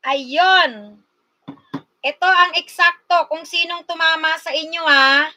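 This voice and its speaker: A woman from Bicol in the Philippines hosting a casual livestream, slowly coaxing her viewers and talking to them directly. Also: very high-pitched, pushed and bright. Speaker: livestream host.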